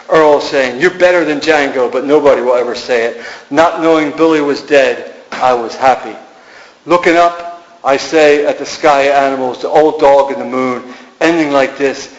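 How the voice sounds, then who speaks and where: A man giving a poetry reading in an art gallery, with a musing, incantatory delivery and repeated refrains. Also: mid-range voice. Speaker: poet. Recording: echoey room, dull lo-fi sound.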